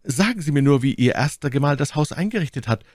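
Brief: sardonic aristocrat, read by a male narrator, dry close sound, calm menace. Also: on the high side, no echo, voice pushed up. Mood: ironic. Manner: coolly sarcastic, measured threats. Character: cold, mocking English lord, calm and menacing. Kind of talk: audiobook character reading.

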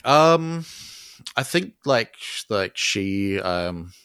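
Deep-voiced Australian man, rambling and self-deprecating. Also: very animated, drawn-out words, a bit bright, clear, resonant tone, dry recording, clean studio sound. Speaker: podcast guest, musician. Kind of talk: casual interview chat.

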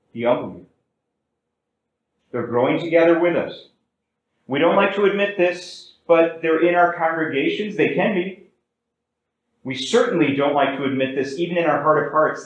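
A man preaches a sermon from the pulpit, his voice sitting in a middle register. He climbs and falls in pitch and loudness and stretches words out slowly to drive a point home. The church room around him is very echoey. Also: dull audio. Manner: preaching with wide swings in pitch and loudness, slowing for emphasis. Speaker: pastor. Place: church sanctuary.

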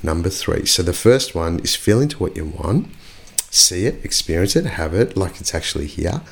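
A man with a fairly low voice talks straight to his podcast listeners in a loose motivational monologue. He swears freely and hammers his points home by repeating phrases. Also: big pitch swings, moderate pace, gravelly, slightly rough. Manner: casual, profane, emphatic, repeats phrases. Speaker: podcast host.

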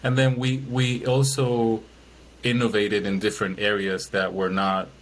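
A man's voice: on the low side, monotone, measured pace, a little hiss or hum, rough recording. A man from Chile, a guest in an interview, talking casually with many fillers and restarts. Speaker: guest, business owner.

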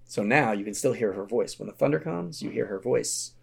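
A man guest on a podcast telling rambling, animated stories from his work as a summer camp counselor. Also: mid-range voice, a little fast, gravelly, breathy edge. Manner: rambling, animated storyteller with restarts. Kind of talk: casual anecdotal storytelling.

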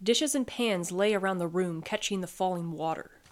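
A woman reading a children's storybook aloud, gentle and playful with the sound words. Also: on the low side, moderate pace. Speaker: podcast reader.

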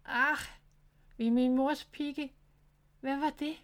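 A woman's voice: on the high side, animated, a little mellow. A woman voicing a curious, eager little male hedgehog who keeps asking questions in a storybook reading. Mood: startled.

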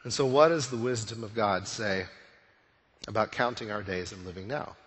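A man's voice: fairly low pitch, moderate pace, fairly bright tone. Man preaching in a reverberant hall. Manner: conversational preaching, rhetorical questions. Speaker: pastor. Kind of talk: sermon. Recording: long reverb of a church hall.

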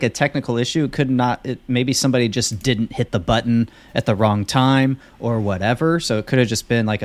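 A man co-hosting a music podcast in easygoing casual chat. His voice sits at an ordinary middle pitch, and he rambles, circling back with fillers and restarts as he thinks out loud. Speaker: podcast co-host.

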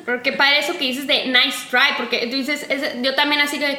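A woman with a high, bright voice talks in a casual chat. She hesitates and circles around as she looks for the right words. The room has a noticeable echo. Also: level tone, fairly quick.

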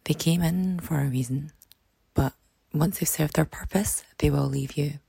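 A hoarse woman with a croaky frog voice that often thins to near-whisper, giving earnest, reassuring advice as a podcast host. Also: deep voice, measured pace, mellow, no echo. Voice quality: croaky, froggy voice. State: hoarse, voice partly lost. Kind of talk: reflective self-help podcast monologue.

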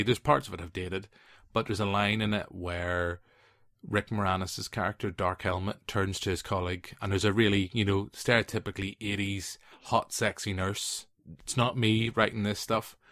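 A man in his late thirties hosting a casual film podcast, telling stories with quick asides and lively restarts. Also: fairly low pitch, no echo, studio quality. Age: 30s. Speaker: podcast host.

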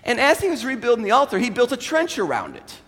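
Lively high-voiced pastor in a reverberant hall. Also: male voice, fast. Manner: animated retelling with voiced quotes. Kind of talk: sermon storytelling.

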